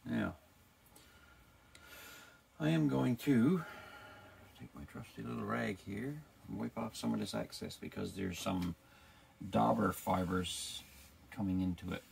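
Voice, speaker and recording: Guy doing a diy bike vlog, gravelly low voice, jokey and talks right to you. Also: unhurried, pauses often, slight background noise. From Newfoundland, Canada. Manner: chatty, joking, talks straight to the viewer. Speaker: DIY motorcycle vlogger. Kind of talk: casual how-to narration to camera.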